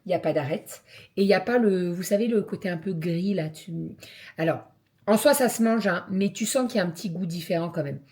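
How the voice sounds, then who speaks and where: A woman vlogger chatting casually about her day at home, slangy and full of filler pauses. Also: fairly low pitch, animated, a little mellow. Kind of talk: casual daily vlog chat.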